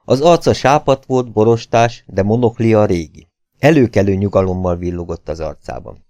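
A man narrating an audiobook in a measured, even reading. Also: lowish voice, no room sound.

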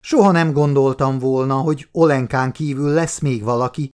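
A man reading an audiobook, voicing an elegant, proud older grandmother who talks in a brisk, composed way. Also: a bass voice, darkish tone. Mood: wry.

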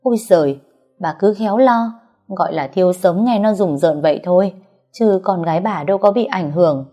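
A woman's voice: on the low side, normal speed, dark tone, muffled recording, faint music behind, close to an everyday voice. A woman voicing a self-assured old male exorcist who brushes off worry in an offhand way. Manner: offhand, confident, dismissive of worry. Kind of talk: audiobook character reading.

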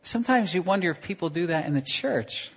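Animated preacher, husky voice, lo-fi recording. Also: mid-range voice, fairly quick. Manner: animated, acts out the story with stutters and shouts. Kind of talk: sermon with live interpretation.

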